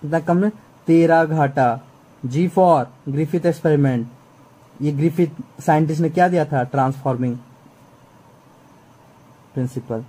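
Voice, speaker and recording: A man's voice: fairly high pitch, a little slow, pauses often, mellow, breathy edge, rough recording. A man teaching a chatty exam-prep biology lesson, often repeating points and checking that students follow. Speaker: biology tutor.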